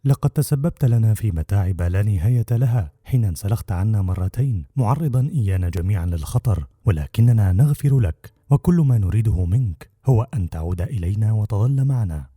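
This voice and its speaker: A man's voice: fairly low pitch, animated, fast talker, husky, no room sound, clean studio sound. A man reading an audiobook voices a stern but kindly male ship's doctor who speaks firmly and earnestly. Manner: stern, then gentle. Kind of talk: audiobook character voice.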